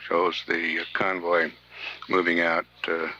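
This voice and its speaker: A man giving live mission control commentary in a halting, measured way, often pausing mid-sentence. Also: sits low, completely flat delivery, sharp tone, highs cut off. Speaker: mission control public affairs announcer. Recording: faint radio hiss.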